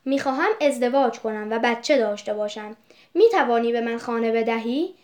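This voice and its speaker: A woman's voice: on the high side, a little mellow, natural voice. A woman reading the lines of a boy who grows into a tired old man, in a plain, matter-of-fact manner. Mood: demanding.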